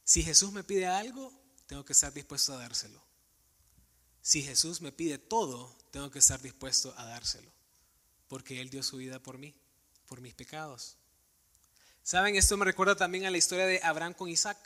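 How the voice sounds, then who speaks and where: A man's voice: fairly high pitch, moderate pace, sharp tone. A man preaching a sermon to a congregation, earnest and questioning, addressing the listeners directly. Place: church sanctuary with live congregation. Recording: long hall reverb.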